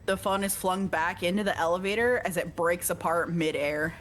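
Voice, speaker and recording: A woman's voice: on the low side, normal speed, faint music behind. A woman streamer reading a visual novel's text aloud, stopping often to joke and laugh with a co-player. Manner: reads text evenly, breaks off to joke and laugh. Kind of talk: let's-play narration with casual asides.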